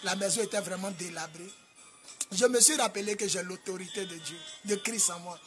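A man with an Ivorian French accent preaching a sermon in a sing-song cadence, rising to loud shouted commands. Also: high voice, fairly quick, faint music behind. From Côte d'Ivoire. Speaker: apostle preacher.

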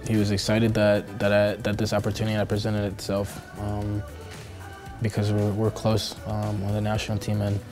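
A man in his twenties from Costa Rica, a soccer player answering interview questions in a halting way, with frequent fillers and restarts. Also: on the low side, monotone, darkish tone, soft background music. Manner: hesitant, many fillers and restarts. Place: indoor studio backdrop.

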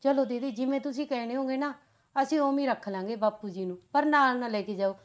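A woman's voice: high-pitched, quick pace, natural voice. A woman playing a scheming daughter-in-law who sweet-talks her husband's family. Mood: placating. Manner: placating, sweet-talking.

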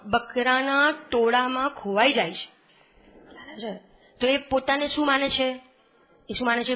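A woman giving a religious discourse, often asking her listeners whether they follow. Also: fairly high pitch. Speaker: scripture study teacher. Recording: dull lo-fi recording.

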